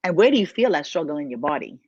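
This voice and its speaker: A woman's voice: low-pitched, sing-song, fast talker, darkish tone, husky, no room sound. Female life coach from the Bahamas, preachy and emphatic, dry and dull lo-fi audio. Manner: emphatic, preachy, asks rhetorical questions. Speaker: life coach and podcast co-host. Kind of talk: motivational podcast talk.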